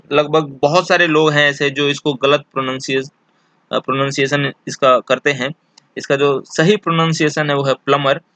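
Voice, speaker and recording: A man teaching an exam-prep lesson, explaining slowly and repeating each point with many fillers. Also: a little high, pushed and bright, dry recording.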